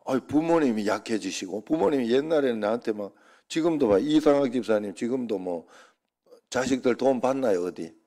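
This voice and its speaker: A man's voice: mid-range voice, lively intonation, brisk, dark tone. A middle-aged male pastor telling rambling, joking stories to his congregation in an informal sermon. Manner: chatty, joking, rambling anecdotes.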